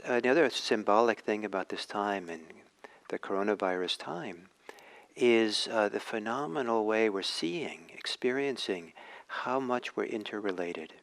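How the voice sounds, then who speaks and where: Reflective man, low voice. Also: fairly bright tone. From Norway. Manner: reflective, unhurried, with many pauses and restarts. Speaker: meditation teacher. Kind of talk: dharma talk.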